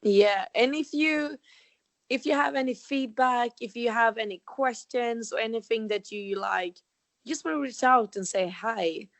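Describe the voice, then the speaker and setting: A woman's voice: on the high side, a little slow, dry recording. A young woman in her twenties with a Swedish accent, co-hosting a casual podcast as a holistic health coach, friendly and easygoing. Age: 20s. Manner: friendly, easygoing, laughs often. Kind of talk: casual chat.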